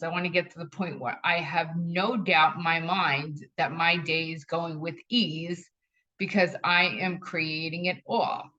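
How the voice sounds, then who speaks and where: Woman, middle-aged, lower register, bright and emphatic, lo-fi recording. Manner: storytelling, repeats phrases for emphasis. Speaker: spiritual talk host. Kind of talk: casual spiritual talk to camera. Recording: dull lo-fi sound.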